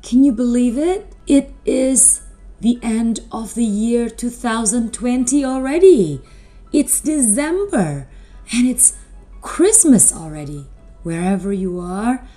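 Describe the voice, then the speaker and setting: A middle-aged woman talking to children like a kids show host, animated, with simple questions and drawn-out words. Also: medium pitch. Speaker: children's presenter at a school Christmas service.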